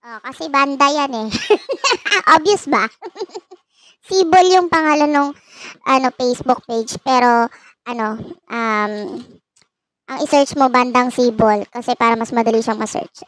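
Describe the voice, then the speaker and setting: A woman's voice: fairly high pitch, a little slow, fairly bright tone, no echo. A woman hosting a casual tarot reading, playful and teasing, laughing often at her own jokes. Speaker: tarot reader and channel host.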